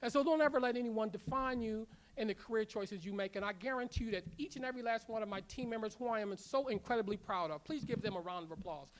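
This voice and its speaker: A school leader giving an emphatic graduation address in a large ceremony room, with repeated rallying phrases and halting filler words. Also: medium pitch, slight background noise. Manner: emphatic, repetitive rallying phrases, leads call-and-response; halting with frequent "uh" fillers when speaking off-script. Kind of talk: commencement speech.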